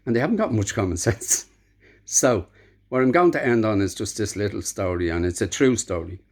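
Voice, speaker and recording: A man's voice: lowish voice, lively intonation, a little fast, a little mellow. A man in his seventies with a Dublin accent, telling a true story in a plain, conversational, reflective way. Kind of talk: spoken true-life storytelling.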